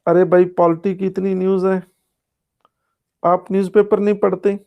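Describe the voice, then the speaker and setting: A man's voice: high voice, level tone, normal speed, gravelly, clear, resonant tone, dull audio. A male teacher, giving a casual online lecture and answering student chat, often saying "okay" and "yes". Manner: casual, repeats "ठीक है" and "हाँ जी" often.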